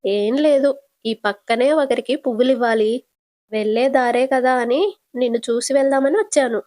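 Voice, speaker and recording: A woman voicing a gentle, modest young married woman who explains things patiently, in a casual serial retelling. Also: a little high, fairly even intonation, moderate pace, lightly acted.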